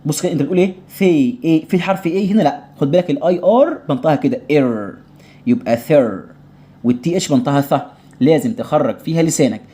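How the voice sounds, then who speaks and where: A man with an Egyptian Arabic accent teaching English to young children in an online lesson. He says each word slowly, repeats it for drilling, and keeps checking that the class follows. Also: a little high, mellow. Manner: patient, explanatory, often asks tamam? to check understanding.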